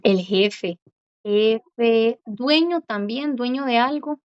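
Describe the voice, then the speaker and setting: A woman teaching a Korean class, who repeats words slowly and keeps checking in with her students. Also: a little high, smooth. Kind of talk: online class explanation. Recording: dull lo-fi audio.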